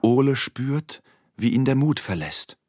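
A man reading a children's story aloud as storyteller, in an expressive, lively way. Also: mid-range voice, a little slow, heavy background noise.

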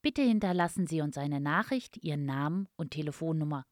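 A woman speaks in a slightly low, dry-sounding customer service voice. She delivers a scripted phone announcement politely and formally, like a company answering machine greeting. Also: expressive, fairly quick, no echo.

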